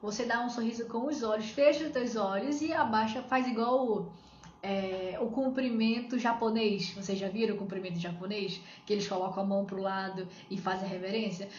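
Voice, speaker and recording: A woman's voice: mid-range voice, fairly even intonation, brisk, darkish tone. A woman with a Brazilian accent coaching her listeners through practical steps, often asking a question and answering it herself. Her voice sounds roomy and echoey. The recording is dull and lo-fi with a faint hiss behind it. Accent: Brazilian Portuguese. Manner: explains step by step with rhetorical questions. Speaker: coach on shyness. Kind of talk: live-stream advice talk.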